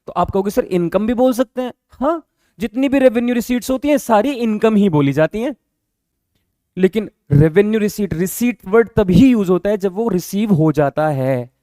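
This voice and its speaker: A man with a fairly high voice teaches accounting as a classroom lecture, explaining patiently and repeating the key terms. He keeps stopping to ask whether the students have understood. The recording is close and dry, with no room echo. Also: expressive, moderate pace, warm tone.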